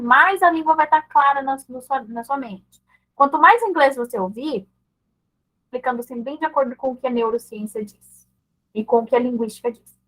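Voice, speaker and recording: Woman, high voice, conversational parenting mentor who checks in with quick tags and acts out parent-child examples. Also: a bit bright, rough recording. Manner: conversational, often checks in with short tag questions. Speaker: mother teaching her child English. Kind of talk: online mentoring talk.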